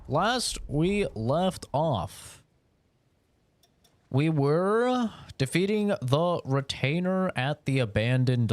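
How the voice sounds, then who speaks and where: In a dry recording, a young man of medium pitch rambles and swears easygoingly as he chats during a live gaming stream.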